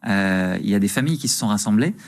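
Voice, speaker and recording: A man's voice: lowish voice, lively intonation, fast talker. A man working as a magician, explaining things agreeably and conversationally as a guest in a TV interview.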